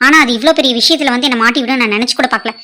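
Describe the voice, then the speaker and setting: A woman's voice: on the high side, rapid-fire, pushed and bright. A woman voicing a proud young woman in a cartoon drama who scolds a suitor and then pleads through tears. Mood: scornful.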